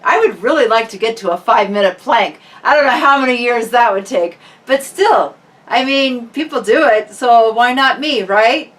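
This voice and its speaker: A woman's voice: on the high side, normal speed, a bit bright. A woman talking casually and informally, like a fitness vlogger chatting to viewers. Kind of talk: casual vlog chat. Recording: distant microphone.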